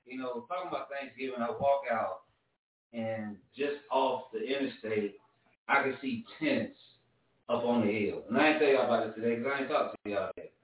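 A man's voice: medium pitch, normal speed, distant mic. Drawling man, roomy lo-fi sound. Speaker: podcast host, truck driver. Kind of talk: casual group chat. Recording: boxy roomy sound, off mic, lo-fi.

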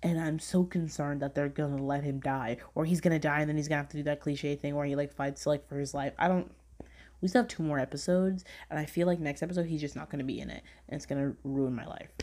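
A young woman hosting a casual weekly review podcast, animated and sweary, swinging from low mumbles to high squeals. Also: quick pace. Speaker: podcast host reviewing shows.

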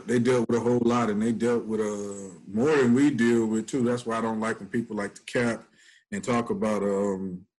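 A man's voice: fairly low pitch, fairly even intonation, moderate pace, darkish tone, low-quality recording. A man co-hosting a podcast in casual chat, joking and slangy, laughing a lot. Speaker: podcast co-host.

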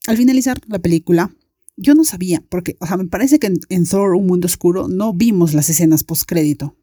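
Young latin american woman chatting away about movies, warm lowish voice, dry close sound. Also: a little fast, no echo. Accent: Latin American Spanish. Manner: chatty, animated, acts out friends' voices. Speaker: podcast host. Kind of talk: casual storytelling monologue.

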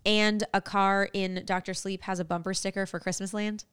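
A woman podcast host with a smooth, clear voice talks casually into a studio microphone. She is chatty and teasing, full of enthusiasm for books and films. The sound is dry and close. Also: medium pitch, little pitch movement, normal speed, a bit bright, no echo.

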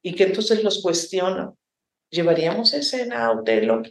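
A woman's voice: medium pitch, normal speed. Passionate woman theater teacher, roomy sound. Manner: passionate, reflective, many rhetorical "¿no?" tags. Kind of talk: podcast interview answers. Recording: roomy echo.

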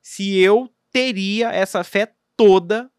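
A Brazilian man chats on a podcast with a slightly high voice that swings between loud bursts and low mutters. His talk rambles, full of slang and restarts. The sound is close and dry. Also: steady tone, slow pace, clear, resonant tone, no room sound. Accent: Brazilian Portuguese. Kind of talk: casual podcast chat.

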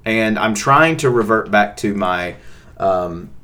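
Deep-voiced man, casual podcast co-host, chatty and repetitive. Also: animated, slow, bright, forceful tone. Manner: rambling, repeats words, many fillers. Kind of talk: casual couple's podcast chat.

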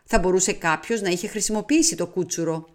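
A woman voicing an earnest, easily flustered English gentleman companion in an audiobook. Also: lowish voice, natural voice. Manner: protesting, earnest. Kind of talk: audiobook character reading.

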